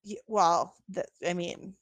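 A woman's voice: on the low side, slow pace, no room sound. A young adult woman co-hosting a podcast, telling a true-crime story casually with lots of fillers and incredulous asides. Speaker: podcast co-host.

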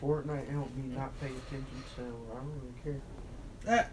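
Man, casual chat, wisecracking, middle pitch, noisy background. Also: level tone, moderate pace. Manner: wisecracking, baffled reactions. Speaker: co-host reacting.

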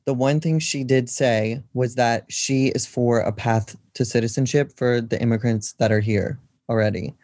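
A man's voice: mid-range voice, fairly even intonation, moderate pace, hardly any pauses, darkish tone, no room sound, studio quality. A man co-hosting a casual podcast over a video call, speaking in an informal, opinionated way. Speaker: podcast co-host.

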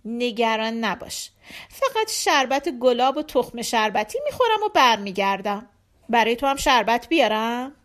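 A woman voicing a relaxed middle-aged husband who jokes and reassures. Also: a little high. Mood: reassuring.

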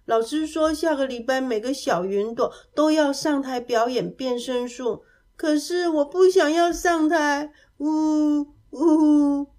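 A woman's voice: high voice, very animated, normal speed, darkish tone. Woman voicing a shy little cloud girl. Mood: timid. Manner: sniffly, timid, small-voiced.

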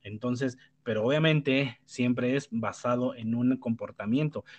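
A man's voice: mid-range voice, unhurried, a little mellow, lo-fi sound. Blunt Mexican man rambling in a chat. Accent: Mexican Spanish. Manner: rambling, many restarts and tag questions; blunt, swears freely. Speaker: panelist. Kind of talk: casual debate chat.

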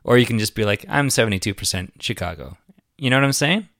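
A man with a low, grounded voice hosts a podcast in a loose, conversational style. He rambles and laughs easily as ideas take shape. His voice is dry and close, with hardly any room sound. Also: expressive, fast, a bit bright, no echo. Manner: rambling, enthusiastic, laughs often. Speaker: podcast host. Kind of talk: casual conversational interview.

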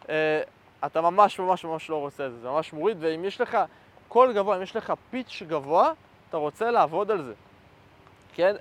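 A man giving dating advice straight to the camera. He speaks directly and instructively and keeps checking in with the listener. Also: high-pitched. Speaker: dating coach. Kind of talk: direct-to-camera coaching talk. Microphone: facing the camera.

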